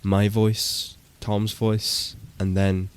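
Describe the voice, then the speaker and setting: Deep, slow man narrating horror. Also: flat delivery, clean tone.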